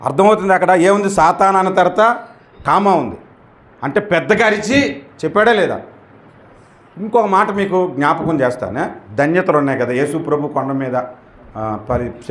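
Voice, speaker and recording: A male pastor preaching emphatically, acting out prayers and rebukes to show how they should sound. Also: fairly high pitch. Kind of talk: sermon. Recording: echoey room.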